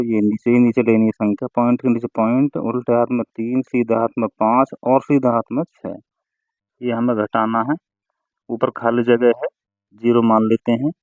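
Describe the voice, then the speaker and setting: A man teaching decimal arithmetic step by step, in a slow, patient explaining manner. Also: medium pitch, no echo. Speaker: math teacher. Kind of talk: chalkboard math lesson. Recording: dry, tinny phone-like sound.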